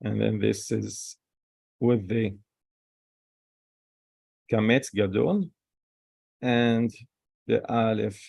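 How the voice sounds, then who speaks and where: A man with a lowish, gravelly voice teaches the Hebrew alphabet very slowly. He repeats each letter's sound several times and uses non-native phrasing. The recording is close and dry. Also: a little mellow, no echo. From Holy Land. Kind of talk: classroom lesson.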